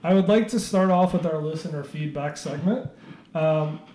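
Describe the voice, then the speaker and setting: A man's voice: fairly high pitch, moderate pace, dark tone, slight background noise. Upbeat man hosting, roomy sound. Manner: upbeat, teasing, storytelling. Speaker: podcast host. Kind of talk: casual podcast chat.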